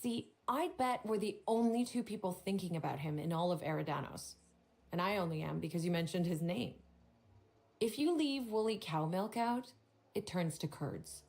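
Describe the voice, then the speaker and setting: A woman's voice: on the low side, normal speed, a little mellow, natural voice. A woman voicing a prim, formal hotel desk clerk in a video game who turns catty and gossipy.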